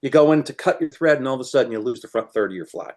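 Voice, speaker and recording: A man's voice: mid-range voice, very fast. Chatty man demonstrating fly tying. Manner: chatty, lots of "you know" fillers; animated, laughs as he tells stories. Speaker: guest fly tier. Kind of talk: casual storytelling while demonstrating fly tying.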